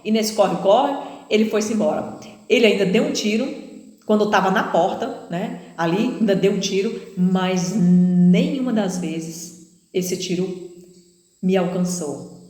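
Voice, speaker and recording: A Brazilian woman preacher giving an emotional spoken testimony, retelling it in an animated way with many fillers. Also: mid-range voice, measured pace. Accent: Brazilian Portuguese. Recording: echoey room with long reverb.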